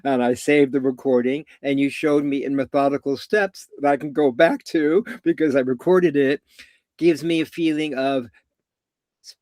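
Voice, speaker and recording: Older man, measured storytelling coach. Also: medium pitch, no echo. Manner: measured, animated storytelling with voiced vocal sounds. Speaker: coach and therapist. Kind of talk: live video conversation.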